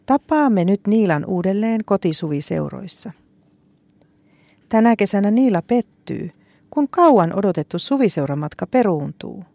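A woman announcer reading a scripted introduction to a children's story program in a measured way. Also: mid-range voice, expressive, creaky, mellow, no echo.

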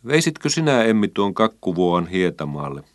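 A man's voice: low-pitched, big pitch swings, no echo, studio quality. A man voicing a patient, firm mother in a children's story. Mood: gently firm.

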